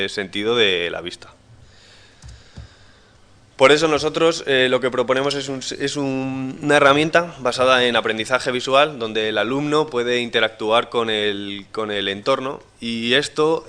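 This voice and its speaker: A man's voice: mid-range voice, sharp tone, clear, resonant tone. Hesitant man giving a lecture. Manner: hesitant, many restarts and fillers. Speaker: conference speaker. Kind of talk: academic talk with slides.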